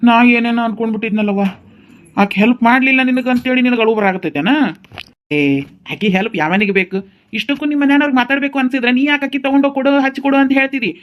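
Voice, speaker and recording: A woman's voice: fairly high pitch, fast talker, natural voice. A woman voicing a patient, soothing young husband in a cartoon, with a North Karnataka accent. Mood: reassuring. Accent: North Karnataka Kannada. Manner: coaxing, reassuring, chatty. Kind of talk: cartoon voice acting.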